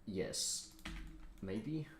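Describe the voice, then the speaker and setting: Low voiced guy streaming while he works, thinking out loud, echoey room, some typing noise. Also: huge pitch swings, extremely slow, creaky. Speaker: video creator hosting a livestream. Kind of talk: casual chat while working.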